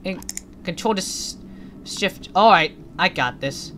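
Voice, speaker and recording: A gaming channel host giving rambling, excitable let's-play commentary, full of fillers and restarts. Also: medium pitch, unhurried, a little hiss or hum.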